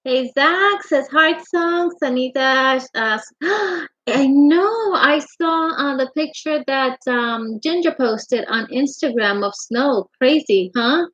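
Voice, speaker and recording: A middle-aged woman hosts a casual livestream from her home craft room, her voice sitting a little high. She greets each viewer warmly and calls them honey. The audio is dull and lo-fi, like a home stream. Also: expressive, slow pace, few pauses. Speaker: livestream host.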